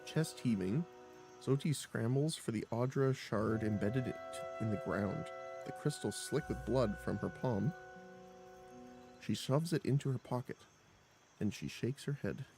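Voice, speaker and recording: A man streaming a role-playing game, reading its text aloud with expressive narration and quick reactions. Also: mid-range voice, creaky. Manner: expressive narration broken by laughs and small exclamations. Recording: voice over game music.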